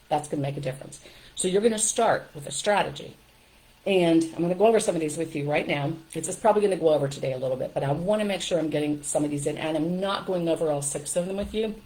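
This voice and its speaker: An older woman giving parenting advice in a direct, lively way, often checking in with "okay?" and "right?". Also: low voice, rough recording. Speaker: parenting coach.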